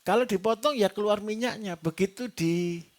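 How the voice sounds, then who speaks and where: Speaking briskly in a high-pitched voice, a Javanese-accented man from Java runs a livestock-farming seminar. He keeps his live audience engaged with quizzes and jokes in a lively manner.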